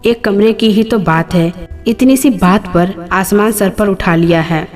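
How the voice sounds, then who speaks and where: A woman's voice: medium pitch, unhurried, a little mellow, soft background music, close to an everyday voice. A woman voicing a dismissive, curt adult elder brother.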